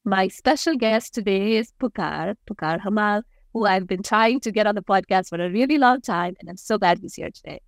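Brief: woman podcast host, mid pitch, upbeat, dry close mic. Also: moderate pace, few pauses, no echo. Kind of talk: podcast interview.

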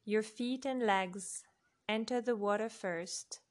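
A woman narrating a guided sleep meditation in a soft, unhurried way, with long pauses between phrases. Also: medium pitch.

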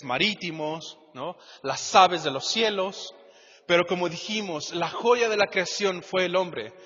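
A man with a Mexican Spanish accent preaching a lively, conversational sermon as pastor, asking the congregation rhetorical questions. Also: high voice, husky. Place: church hall. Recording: muffled church hall recording with long reverb.

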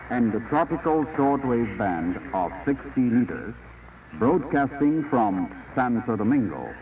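A male radio announcer heard over a fading shortwave broadcast, talking informally on air in a halting way with many pauses and fillers. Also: medium pitch. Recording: muffled shortwave radio with static.

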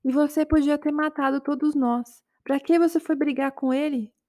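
A woman's voice: high-pitched, fairly even intonation, normal speed, darkish tone, no echo, clean studio sound, voice pushed up, lightly acted. A woman voicing a young woman who firmly reproaches her boyfriend in a spoken story. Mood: reproachful. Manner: firm, reproachful. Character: young woman, fed-up girlfriend standing firm.

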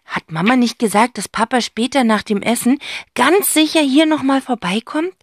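A woman voicing an excited, sharp-witted girl detective in a children's audiobook. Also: fairly high pitch, moderate pace, no echo, clean studio sound, voice pushed up.

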